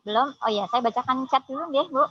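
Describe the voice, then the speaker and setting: Bright, breathy woman moderating a call. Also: sits high, fast, muffled recording. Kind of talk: moderating an online session.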